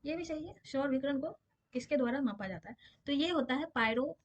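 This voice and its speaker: A woman teacher talks through exam questions in a relaxed, conversational way. She leans on everyday examples and keeps checking whether things are clear. Her voice sits a little high, and the recording sounds dull and lo-fi. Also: a little fast. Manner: explains with everyday examples, checks understanding often. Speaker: physics teacher. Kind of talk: casual exam-prep lesson.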